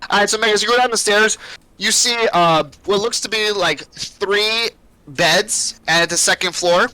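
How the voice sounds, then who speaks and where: Bright-voiced man running a game. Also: high voice, moderate pace, dry recording, poor audio. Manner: loose, rambling narration with fillers. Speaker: game master. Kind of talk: narrating a tabletop game.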